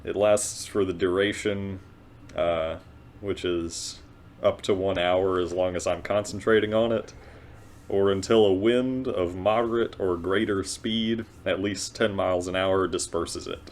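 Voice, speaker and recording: Slow, halting man with a low voice. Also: fairly even intonation. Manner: halting, thinking aloud. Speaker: player in a tabletop role-playing game. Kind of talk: casual game-table chat.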